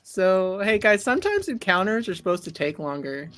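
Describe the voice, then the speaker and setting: Woman game master with animated, swooping pitch. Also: moderate pace, very noisy. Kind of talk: casual tabletop game narration.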